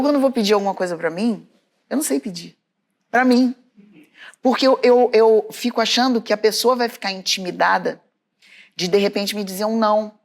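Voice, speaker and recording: A woman with a Brazilian Portuguese accent, a podcast co-host telling stories in casual chat, calling out to her listeners. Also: fairly high pitch. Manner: lively storyteller, exclaims to listeners.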